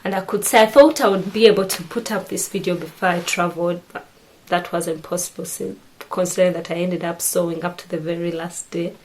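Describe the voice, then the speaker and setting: A woman's voice: on the low side, fairly even intonation, a little fast, darkish tone, low-quality recording. A middle-aged woman from Uganda with a Ugandan accent, chatting to camera about her sewing and often restarting her sentences. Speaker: sewing vlogger. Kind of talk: casual chat to camera.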